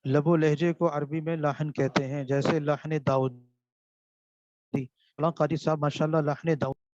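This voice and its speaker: His voice is on the high side, level and darkish, in a dull, dry lo-fi recording. The speaker, a man from Pakistan, teaches a seminary class on Quran recitation, asking his students questions, answering them himself, and repeating key terms.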